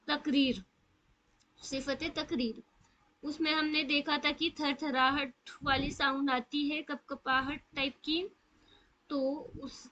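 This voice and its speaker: High, bright-voiced woman teaching recitation. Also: highs cut off. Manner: patient explaining, drawn-out demonstrations of letter sounds. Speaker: tajweed teacher. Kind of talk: live online class.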